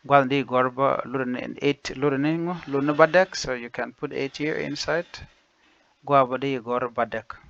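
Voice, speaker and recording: A man teaching basic phrases, saying each one slowly and repeating it in two languages. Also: mid-range voice, vocal fry, fairly bright tone. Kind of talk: slow phrase-by-phrase language lesson. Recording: dull lo-fi dry recording.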